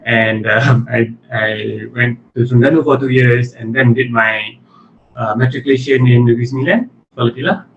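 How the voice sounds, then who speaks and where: This man, a Malaysian animation studio CEO being interviewed, speaks casually in a Malaysian accent at a normal speed. His pitch is medium and his intonation fairly even. Faint noise runs through the muffled, lo-fi recording.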